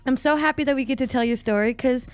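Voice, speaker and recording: A woman's voice: sits high, fast, clear, resonant tone, no echo, faint music behind. A woman hosting a talk show, chatty and upbeat, telling stories and drawing out her guest. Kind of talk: casual interview chat.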